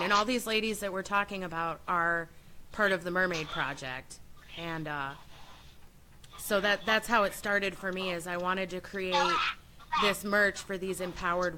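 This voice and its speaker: Woman radio host, kinda low voice, chatty loose shout-outs, little bit of hiss behind. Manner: chatty and admiring, loose and unscripted. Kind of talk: casual radio talk, giving shout-outs.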